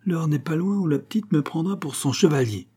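A man's voice: fairly high pitch, animated, fairly quick, warm tone, husky, voice pushed up. A man voicing a patient, scheming young impostor who talks in a calculating way.

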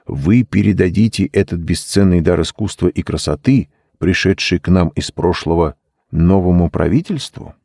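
A man voicing a gentle, cunning old male lord who talks in a mild, measured, persuasive way. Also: low voice, vocal fry, no echo, clean studio sound.

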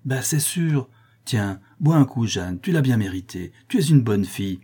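A man's voice: mid-range voice, expressive, normal speed, dark tone, breathy edge. A man doing a shrewd, scolding townsman. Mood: coaxing. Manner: scolding, coaxing.

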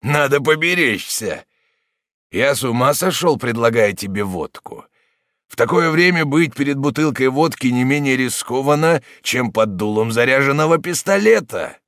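A man's voice: lowish voice, big pitch swings, unhurried, no room sound, exaggerated voice. A scheming tamer needles his friend with a devilish, mocking lilt. A man voices him while reading the story aloud. The voice rises and falls a lot, recorded close and dry. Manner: sly, teasing.

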